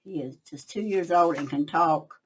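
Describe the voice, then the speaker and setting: An older woman hosts a relaxed crafting lesson from her own craft shop. Her voice sits a little low, and she talks chattily to her viewers. She drifts into half-finished thoughts whenever she concentrates on her work. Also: normal speed, breathy edge, low-quality recording. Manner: chatty, talks to viewers while working, trails off when concentrating. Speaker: craft tutorial host. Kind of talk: casual crafting tutorial.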